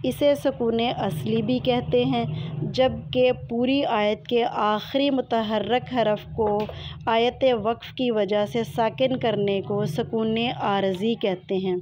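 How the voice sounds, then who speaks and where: A woman's voice: fairly high pitch, steady tone, slow, noisy background. A woman teaching Quran recitation, explaining each term patiently and methodically to her viewers.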